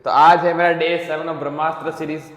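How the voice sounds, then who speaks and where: A man's voice: fairly high pitch, flat delivery, a little fast. A young man teaching math in a casual lecture, often asking a question and answering it himself. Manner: repeats questions and answers them himself, keeps checking in with "theek hai". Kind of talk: casual Hindi-English lecture to students. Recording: echoey room with long reverb.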